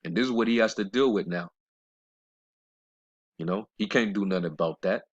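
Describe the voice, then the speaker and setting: Low-voiced man preaching bluntly over dull audio. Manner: rambling, with many fillers and restarts; reads scripture in a slower, measured cadence. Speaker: religious commentator. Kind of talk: informal scripture commentary. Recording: dull lo-fi recording.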